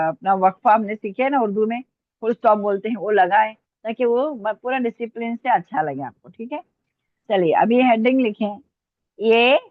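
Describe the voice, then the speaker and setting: Woman teacher, patient slow dictation, letter-by-letter spelling, thin phone-like sound with no room echo. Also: mid-range voice. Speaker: Urdu teacher. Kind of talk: online language lesson dictation. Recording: tinny phone-like line, dry.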